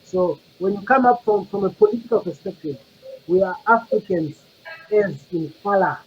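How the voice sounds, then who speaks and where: A man on a discussion panel, speaking in a reflective, halting way. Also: sits high, lively intonation, muffled recording, slight background noise.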